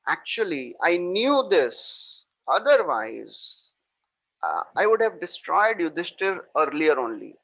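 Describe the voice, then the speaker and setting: A man with a slightly higher voice teaches a moral lesson like a spiritual teacher. He retells an old epic with earnest emphasis, leaning on fillers and repeated phrases. His delivery is steady and heartfelt. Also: poor audio.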